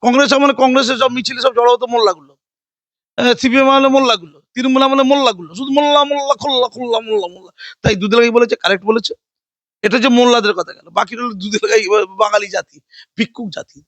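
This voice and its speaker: High-pitched, fast, combative older man. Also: a bit bright, no echo. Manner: combative, sarcastic, rambling with mocking repetitions. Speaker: interviewee. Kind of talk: heated political interview.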